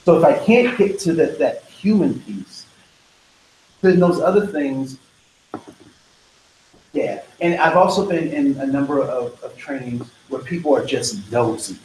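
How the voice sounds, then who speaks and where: An American man leads a diversity training workshop in a training room, lecturing conversationally and drifting onto tangents, peppering his talk with "right?" and "um". His mid-range, darkish voice has lively intonation, a measured pace and long pauses, recorded with echo and faint noise.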